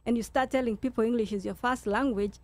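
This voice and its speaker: A woman's voice: on the high side, steady tone, quick pace. A woman with a Kenyan accent speaking as a guest in a talk show discussion, making her points emphatically and repeating phrases. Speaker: guest speaker, nurse leader.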